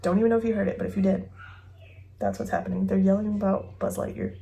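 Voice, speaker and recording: A woman's voice: mid-range voice, steady tone, fast talker, creaky, warm tone. A woman in her thirties chatting casually at home as she reviews fragrances, thinking aloud with giggles and a phone mic. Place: home bedroom with dresser.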